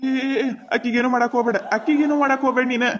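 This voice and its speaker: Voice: mid-range voice, fairly even intonation, very fast, crowd noise, lightly acted. A performer voicing a henpecked village husband in a cartoon, pleading and protective. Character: henpecked village husband, devoted to his lover. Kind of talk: cartoon voice acting.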